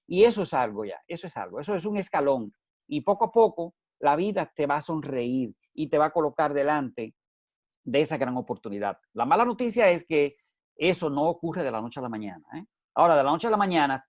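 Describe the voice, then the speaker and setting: A middle-aged man giving earnest motivational advice as a radio guest, coaching the listener and now and then bursting into loud shouts. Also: on the high side, no echo, studio quality. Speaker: guest speaker.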